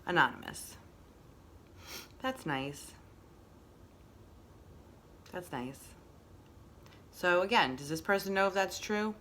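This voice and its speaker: A woman's voice: fairly low pitch, animated, slow pace, long pauses, fairly bright tone, a little hiss or hum. A woman hosting a casual motivational monologue, reflective and repeating phrases for emphasis. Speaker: host.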